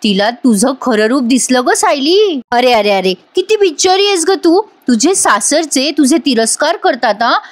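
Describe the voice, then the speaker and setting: A woman voicing a scheming young woman who taunts and fake-whines in a high, sneering, sing-song voice. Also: big pitch swings, moderate pace, few pauses, no room sound. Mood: taunting.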